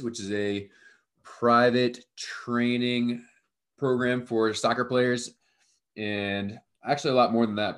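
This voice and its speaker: A man hosting a podcast, asking a guest about her background in an upbeat, friendly way. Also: mid-range voice. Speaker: podcast host. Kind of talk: casual interview hosting.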